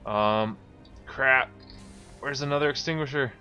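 Speaking a little slowly in a mid-range voice, this man comments on his gameplay while faint music plays behind. He's excitable and casual, exclaiming often and talking to himself.

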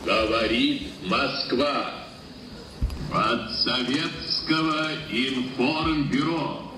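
Guy doing booming solemn ww2 soviet radio announcer, slow stately delivery, far off in big echoey hall. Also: pushed and bright. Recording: echoey hall, distant, slight noise.

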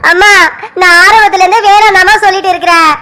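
A woman's voice: very high voice, flat delivery, fast, bright, forceful tone, slight background noise. A woman voicing a pleading young daughter. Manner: pleading, tearful. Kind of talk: animated family serial voice acting.

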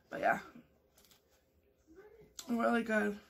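Speaking very slowly in a husky, steady voice on the high side, a Canadian woman in her thirties vlogs over morning coffee. She chats casually to her webcam from a small room at home, rambling with frequent fillers and restarts.

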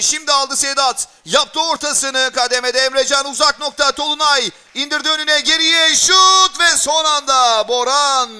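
High-pitched, excitable male football commentator. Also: smooth. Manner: shouts and screams at goals and chances.

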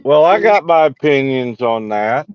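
A man's voice: medium pitch, big pitch swings, unhurried, clean tone, no echo. Man, hillbilly Appalachian-like accent, casual panel chat, plain-spoken, dry muffled lo-fi sound, faint guitar. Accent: Appalachian-like hillbilly American accent. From St. Louis, United States. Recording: dull lo-fi online call, instrumental music behind. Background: guitar playing.

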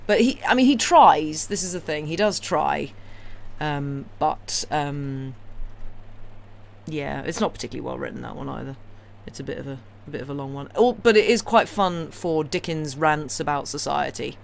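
A classic-novel read-aloud livestreamer, this woman chats in a casual, rambling way with viewers, wry and opinionated yet enthusiastic. Her low-pitched voice moves at a moderate pace, against clear and steady background noise.

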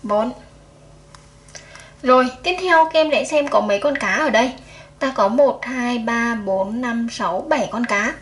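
A woman teacher leading a first-grade math lesson, counting aloud slowly and patiently for young children. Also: fairly high pitch, a bit bright. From Vietnam.

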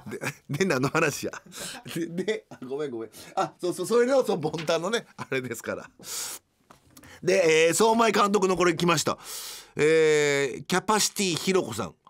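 A man's voice: fairly high pitch, very animated, a little fast, fairly bright tone. A man in his fifties with a Kansai accent, hosting a casual radio show from a studio, telling stories and often laughing mid-sentence. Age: 50s. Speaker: radio host.

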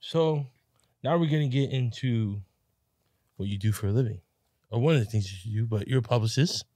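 A man's voice: mid-range voice, fairly quick, dark tone, dry recording, studio quality. Man hosting a casual podcast interview. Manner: frequent "right" backchannels, friendly questions. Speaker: podcast host.

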